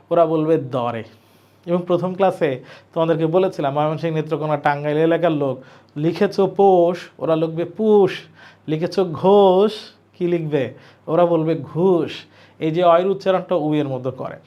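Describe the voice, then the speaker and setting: Male admission-prep teacher, fairly high voice, step-by-step lecturer. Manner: explains step by step, asks and answers his own questions. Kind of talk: classroom lecture.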